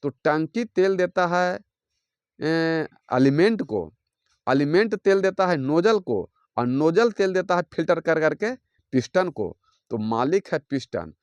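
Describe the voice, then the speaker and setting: A man's voice: a little high, lively intonation, unhurried, clear, resonant tone, no room sound, dull audio. A man giving a devotional sermon, preaching in a rhythmic, repetitive way with lists and homely examples.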